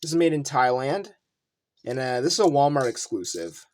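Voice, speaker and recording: Showing collectibles on camera, the video host rambles casually and thinks out loud, medium in pitch, animated, at a normal speed. The room is noisy and clicks from handling can be heard.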